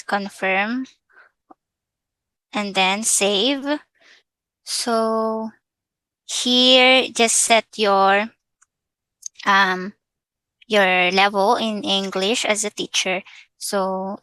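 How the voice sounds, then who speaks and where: This vlogger, a Filipino woman who learned English after Tagalog, hesitantly and casually shows viewers how to sign up in a screen-share tutorial, mixing in Tagalog and using lots of fillers. Her medium-pitched voice is bright, forceful and clean, captured in a dry but rough recording.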